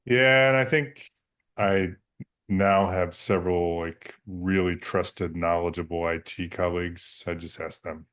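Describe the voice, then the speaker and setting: A man's voice: sits low, fairly even intonation, unhurried, a bit bright. A man in his fifties, podcast co-host, chatting casually with wry self-deprecating humor. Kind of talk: casual chat.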